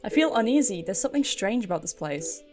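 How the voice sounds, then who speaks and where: A British woman streams a game, chatting casually and playfully to herself, reading dialogue aloud, giggling, and swearing mildly. She talks fast in a medium-pitched voice with lively intonation, and game music plays in the background.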